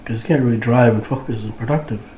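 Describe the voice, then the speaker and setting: A man's voice: mid-range voice, dark tone, reverberant, a little hiss or hum, low-quality recording. A man with a head cold and the hiccups, talking through a casual video diary at home, amused and chatty. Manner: slow, amused, chatty with restarts. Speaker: vlogger.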